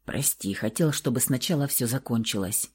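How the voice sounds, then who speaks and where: Audiobook: a hoarse, weak ancient vampire man, played by a woman, low and quiet. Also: moderate pace, heavily acted. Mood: weak, tender. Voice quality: hoarse, hushed. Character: wounded ancient male vampire, weak and tender. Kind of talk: audiobook role reading.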